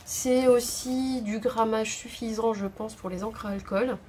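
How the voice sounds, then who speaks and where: A woman's voice: fairly high pitch, fairly even intonation, unhurried, a little mellow, a little hiss or hum. A woman hosting a craft video at home, chatting casually and thinking aloud with many hesitations. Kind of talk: casual tutorial chat. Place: home craft table indoors.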